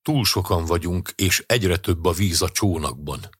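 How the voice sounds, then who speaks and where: A man's voice: sits low, breathy edge, no echo, clean studio sound. A man reading as a weary, anxious castaway. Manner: weary and pleading. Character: tired, anxious man in a sinking boat. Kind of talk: audiobook dialogue reading.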